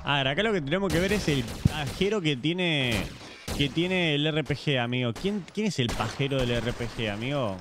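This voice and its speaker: A man with a Rioplatense Spanish accent commentates gameplay in a fairly high voice. He is excitable and bursts into frantic yells and swearing. Background music runs under everything he says. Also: normal speed. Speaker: gaming YouTuber.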